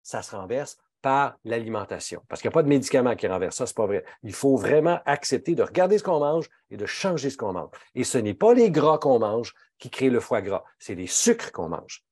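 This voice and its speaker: With a darkish tone and a slightly fast pace that leaves few pauses, a Quebec-born pharmacist speaking with a Québécois French accent delivers a health talk. He sounds emphatic and indignant, using big pitch swings to drive points home, and the audio has no echo.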